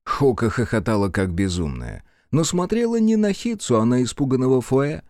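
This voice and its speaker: Guy reading a fantasy audiobook, lively and dramatic, dry studio sound. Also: medium pitch, normal speed, dry recording. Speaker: audiobook narrator. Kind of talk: scripted fiction narration.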